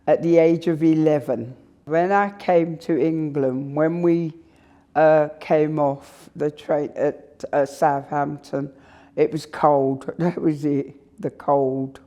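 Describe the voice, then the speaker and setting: An older woman from Saint Lucia, telling of her arrival in a slow, halting way in a documentary interview. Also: sits low, steady tone, warm tone.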